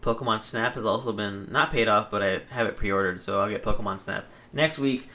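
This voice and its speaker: A man's voice: lowish voice, a little fast, pushed and bright. Brief: young male host, casual crude banter, rambling delivery. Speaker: podcast host.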